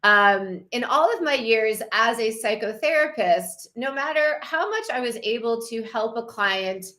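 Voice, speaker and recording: A woman in her fifties coaches a challenge group on wellness, walking through slides with enthusiastic, promotional energy. She talks slowly and deliberately, her voice expressive, pushed, bright and on the high side.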